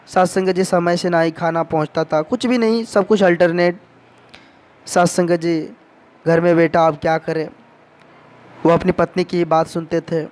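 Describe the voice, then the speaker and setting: Fairly high-voiced man telling a devotional story. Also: steady tone, moderate pace, long pauses, darkish tone. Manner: repeatedly addresses the congregation respectfully. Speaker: devotional speaker.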